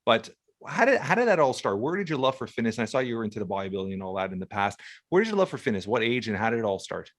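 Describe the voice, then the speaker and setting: A man's voice: medium pitch, sing-song, racing. A man in his forties hosting an interview podcast, asking eager questions and often repeating words as he starts. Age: 40s. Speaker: podcast host. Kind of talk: casual interview chat.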